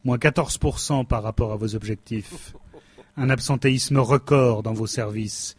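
A man's voice: medium pitch, measured pace, slightly rough, dry recording. A man playing a cynical male company boss who fires his staff with smug sarcasm, in a stage comedy sketch. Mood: smug, sarcastic. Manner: smug, sarcastic, coldly dismissive.

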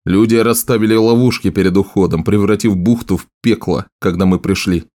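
Man reading a general: lowish, curt, commanding. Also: a little fast, mellow, lightly acted. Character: cold ambitious general, man, half-masked, proud.

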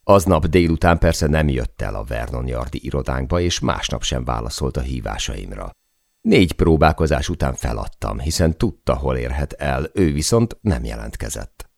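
A man reads a memoir audiobook in a steady storytelling way. His voice is extremely deep and gravelly, and his pitch moves a lot. The recording is dry and close. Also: dry recording. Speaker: audiobook narrator. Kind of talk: scripted memoir narration.

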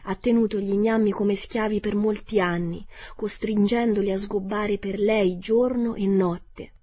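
A woman voicing a small, wrinkled old good witch who speaks gently and calmly, read as a character in an audiobook. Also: medium pitch, a little slow, husky, dry recording. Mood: gentle. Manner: gentle, soft-spoken and composed.

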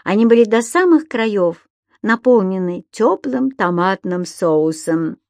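A woman reading a children's audiobook in an expressive storytelling way. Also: mid-range voice, a little slow, no echo, studio quality. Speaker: audiobook narrator.

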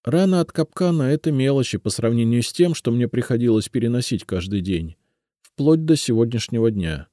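A man's voice: mid-range voice, lively intonation, fairly quick, dark tone, no echo, studio quality, voice pushed up, natural voice. Man doing a pleading young healer woman. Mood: confiding. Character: young female healer, guarded but earnest.

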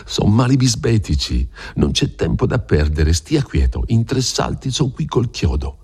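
A man voicing a scheming, treacherous male servant who speaks in low, calm, coaxing tones. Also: measured pace, exaggerated voice. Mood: falsely soothing. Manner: low, smooth, soothing.

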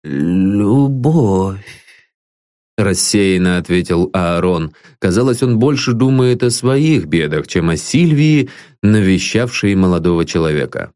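A man narrating a classic novel as an audiobook in measured storytelling. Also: low-pitched, animated, a little mellow, dry recording, studio quality. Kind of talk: literary narration.

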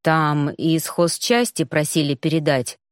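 Audiobook casting: a woman voicing an awkward male major, hesitant and stammering, pitched low. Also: fairly even intonation, measured pace, clean tone, dry recording, studio quality. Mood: embarrassed.

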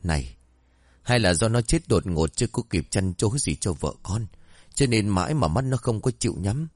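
A man's voice: lowish voice, animated, moderate pace, a little mellow, no echo. A man voicing a practical, fretful old village grandmother. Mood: worried.

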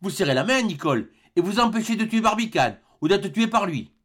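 A man reading a storybook aloud, voicing an enthusiastic male adventurer who talks in a lively, persuasive way. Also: sits high, a little fast, voice pushed up.

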